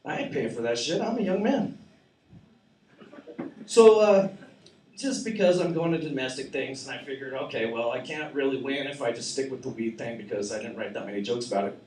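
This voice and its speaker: A man's voice: medium pitch, brisk, darkish tone, slight background noise. A man in his forties doing an open-mic stand-up set in a small cafe, rambling, profane and mocking himself. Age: 40s. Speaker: stand-up comedian. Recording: echoey room, mic at a distance.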